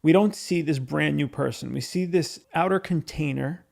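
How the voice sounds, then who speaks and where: A man's voice: fairly high pitch, moderate pace, vocal fry, darkish tone. A man hosting a podcast, speaking in an earnest, informal, philosophical way, as in a reflective wedding toast speech. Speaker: podcast host.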